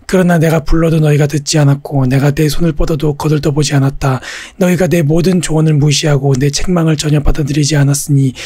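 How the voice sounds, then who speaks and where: A man reading Bible passages aloud in a steady, scripted recitation. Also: fairly high pitch, fast talker, hardly any pauses, slightly rough, no room sound. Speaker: Bible reader.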